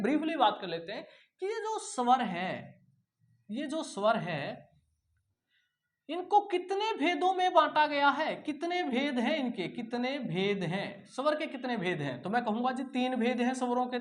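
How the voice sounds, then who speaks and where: A man's voice: very high voice, fairly bright tone. A male Hindi teacher giving an exam-prep grammar lesson. He repeats key words, asks questions and answers them himself, and calls his students son and brother.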